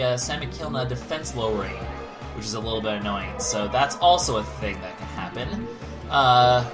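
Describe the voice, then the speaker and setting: A man giving casual, rambling, analytical gameplay commentary as a let's play host. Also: medium pitch. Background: game music.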